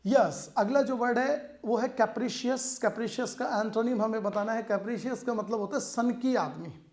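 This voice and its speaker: A man's voice: very high voice, moderate pace, darkish tone. A man with an Indian accent teaching English vocabulary for competitive exams. He explains word meanings in Hindi mixed with English and keeps checking in with "theek hai". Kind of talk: exam-prep vocabulary lesson.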